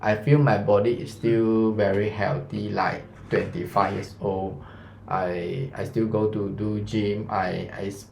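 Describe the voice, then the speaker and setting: A man in his thirties with a creaky, fairly low, darkish voice teaches a science revision lesson in Malaysian English. He chats casually, quizzes students, and uses "lah" and "mah" as fillers. The recording has an echoey room and slight background noise.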